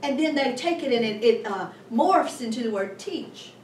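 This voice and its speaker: A woman pastor preaching a sermon in a church, animated and emphatic with sudden loud bursts. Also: fairly high pitch, normal speed, slight background noise. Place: church sanctuary. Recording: echoey room from a distant mic.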